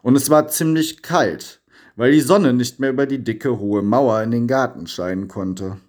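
A man reading a children's story aloud with expressive, lively storytelling. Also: mid-range voice, measured pace. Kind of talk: scripted storybook narration.

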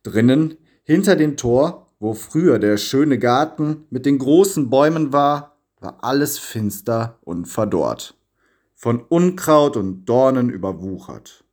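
A man reading a children's story aloud with expressive, lively storytelling. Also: medium pitch, takes it slowly. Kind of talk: scripted storybook narration.

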